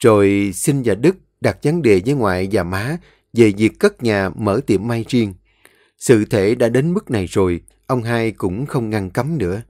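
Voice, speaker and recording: A man's voice: fairly low pitch, animated, a little slow, darkish tone, no echo, studio quality. A man narrating an audio story expressively.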